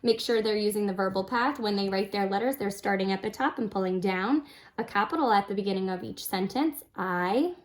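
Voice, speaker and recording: A woman's voice: mid-range voice, a little fast. A woman teaching an early reading lesson, explaining patiently step by step in simple phrases and modelling examples for young learners. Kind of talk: instructional demonstration of a kindergarten reading lesson.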